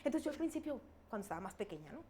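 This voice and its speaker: Woman explaining calmly, faint noise. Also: a little high, very fast. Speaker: guest expert on emotions and fear. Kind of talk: conversational explaining.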